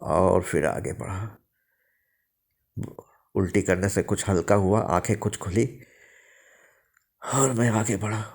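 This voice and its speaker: A man's voice: on the low side, slow pace, creaky, long pauses. A man narrating his own ghost story in the first person, rambling, with many fillers and restarts. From India.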